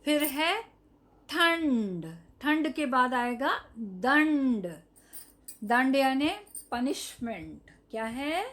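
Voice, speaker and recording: A woman teaching Hindi to young children in a recorded lesson, saying each word slowly, repeating it and explaining what it means. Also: high-pitched, animated, a bit bright. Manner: slow, drawn-out, repeats each word and its meaning; addresses the children directly, asking them to say the word. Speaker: primary school Hindi teacher.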